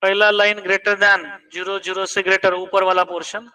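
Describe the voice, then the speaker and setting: A man's voice: sits high, level tone, normal speed, bright, forceful tone, clear, resonant tone, recorded from a distance, poor audio. A man teaching math in a classroom, quizzing students and pressing them to check each step. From India.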